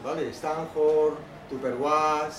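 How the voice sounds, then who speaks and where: A man giving a lively workshop talk to an audience, acting out children's voices as he tells stories. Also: on the high side, slow pace, a little hiss or hum. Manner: animated, acts out children's voices. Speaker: children's ministry teacher. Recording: echoey hall, from a distance.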